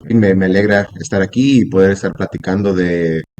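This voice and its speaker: A man from Canada who speaks, a podcast guest who explains things earnestly and at length, pausing often on "eh". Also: deep voice, a little mellow. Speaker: podcast guest, shop co-founder. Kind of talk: casual interview chat.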